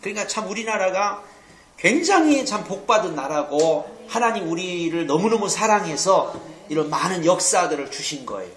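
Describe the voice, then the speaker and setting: A man preaching in a high, ringing voice, teaching the Bible in a sermon style with lively emphasis and questions thrown to the room. His voice echoes around a reverberant church hall, with a faint hum underneath. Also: normal speed. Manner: emphatic, animated, keeps asking "응?" and acts out quotes. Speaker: pastor teaching a theology lecture.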